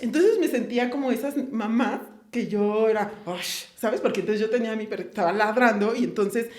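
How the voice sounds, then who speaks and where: A woman's voice: a little high, quick pace, a little mellow. Candid Mexican woman in an echoey room. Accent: Mexican Spanish. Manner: candid, confessional, lots of fillers and quoted inner speech. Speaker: podcast host. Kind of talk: casual conversation.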